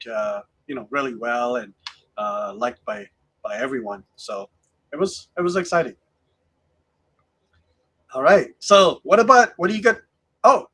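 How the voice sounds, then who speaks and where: A man's voice: medium pitch, a bit bright, breathy edge. A man co-hosting a casual tech podcast over a video call, chatty with lots of laughs and fillers. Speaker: podcast co-host. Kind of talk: casual chat.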